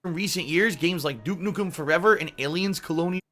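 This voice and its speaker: A man reads a prepared game review through a metallic robot-voice effect that is kept fairly tame. His voice sits a little high for a man and comes across bright and sharp. He sounds slightly under the weather. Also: brisk, faint music behind. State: sick. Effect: metallic robot voice filter, fairly subdued. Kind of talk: scripted review narration.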